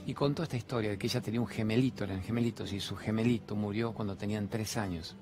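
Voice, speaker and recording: A man's voice: lowish voice, fast. A man with an Argentine accent giving an impassioned spiritual monologue as a TV host, full of rhetorical questions and repeated phrases. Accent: Argentine Spanish. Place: large TV studio.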